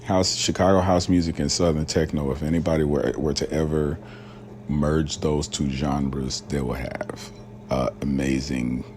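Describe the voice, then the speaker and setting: A man raised in rural Alabama hosts a solo podcast in an extremely deep, low voice, rambling casually with lots of fillers and slang. His tone is steady and darkish, his pace measured. Faint hiss runs beneath the recording.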